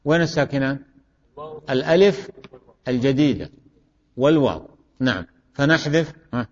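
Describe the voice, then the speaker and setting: A man's voice: mid-range voice, lively intonation, normal speed. Man teaching in an echoey hall. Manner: questioning, repeats student answers. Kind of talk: classroom grammar lesson. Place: classroom. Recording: dull recording in a reverberant hall.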